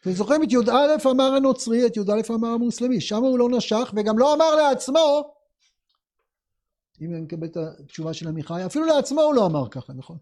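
A male teacher leading a classroom text lesson, asking his students many questions in a lively way. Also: very high voice.

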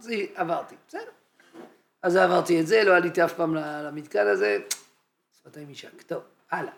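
A man with a fairly high, gravelly voice gives a yeshiva lecture. He teaches with humor, weaving in personal stories and acting out little scenes. His tone is anecdotal and lively. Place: yeshiva study hall.

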